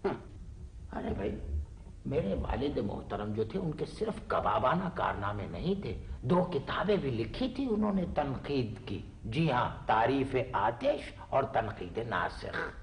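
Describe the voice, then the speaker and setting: Pompous middle-aged dad, theatrical flowery talk, big lively pitch swings. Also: male voice, unhurried, slight background noise. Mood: boastful. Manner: flowery, theatrical, given to exclamations. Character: pompous, fond middle-aged father and writer. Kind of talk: TV drama acting.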